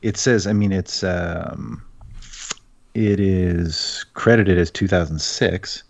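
A man co-hosting a casual podcast talk about books, speaking in a thoughtful, measured way and checking for agreement. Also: sits low, creaky. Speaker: podcast co-host discussing books. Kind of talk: casual chat.

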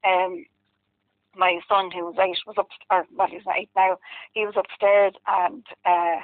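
A woman's voice: mid-range voice, little pitch movement, a little slow, dry recording. A woman with a west of Ireland accent, telling a personal story casually and candidly in a rambling, conversational way full of filler phrases. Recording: muffled, dry phone-like line.

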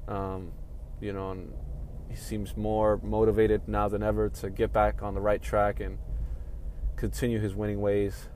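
An MMA commentary vlogger talks casually on his own about fight news in a home room with a sunny window. His lowish, darkish voice is monotone and unhurried, and he sounds sleepy, rambling and yawning in a laid-back way. There's a little hiss or hum in the recording.

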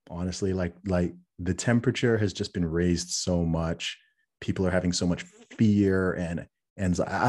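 A very low, dark-toned man with a husky edge to his voice. He talks earnestly as a podcast guest, restarting and repeating words as he goes, with short laughs between points. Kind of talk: casual interview talk.

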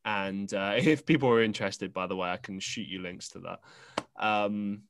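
A man's voice: on the low side, steady tone, moderate pace, smooth, no echo. A young man from England, a podcast host telling a story in casual conversation, rambling with many fillers and restarts.

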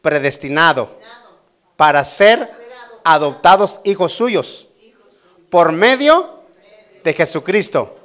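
A man preaching a sermon in a church, asking rhetorical questions and calling out amen and hallelujah while pausing for his interpreter. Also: on the high side, expressive, fairly bright tone. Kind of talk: Spanish sermon with live interpretation.

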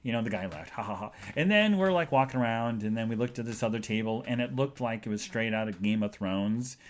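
A man hosting his own podcast, telling everyday stories in a rambling, jokey, animated way. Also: medium pitch, brisk. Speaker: podcast host. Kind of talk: casual storytelling monologue.

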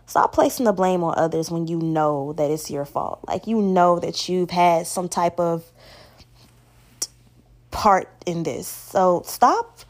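A woman's voice: fairly low pitch, takes it slowly. A young woman hosting a solo podcast, giving blunt, profane advice in casual talk. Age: young adult. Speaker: podcast host.

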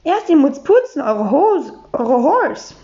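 A woman's voice: high voice, very animated, takes it slowly, mellow, pitched above the performer's own voice, full character voice. A woman voicing a prim, eccentric English lady who speaks German with an English accent and broken word order. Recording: dull lo-fi recording.

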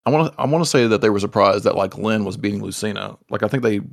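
A man co-hosting a casual video game podcast, talking animatedly and jumping into high excited voices when he quotes himself. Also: quick pace, gravelly. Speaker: podcast co-host. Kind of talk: casual podcast chat about video games.

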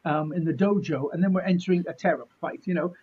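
A man's voice: fairly high pitch, fast, slightly rough, muffled recording. A middle-aged man, telling anecdotes in casual chat in a jokey, self-deprecating, mildly sweary way. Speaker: martial artist being interviewed.

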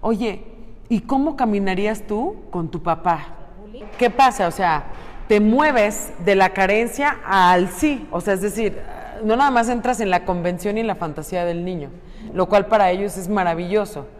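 A middle-aged woman, earnestly explaining ideas about parenting in casual talk, pausing to search for words and acting out bits of dialogue. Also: mid-range voice, a little hiss or hum. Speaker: parenting speaker. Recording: long reverberant room.

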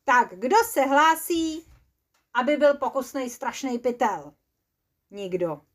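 A woman voicing a bossy, excitable male creature leader, pushy and theatrical. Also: sits high.

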